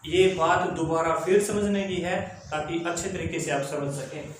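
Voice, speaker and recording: A man teaching an English grammar lesson who explains slowly and repeats words for his students. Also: on the high side, steady tone. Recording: very echoey room, faint background noise.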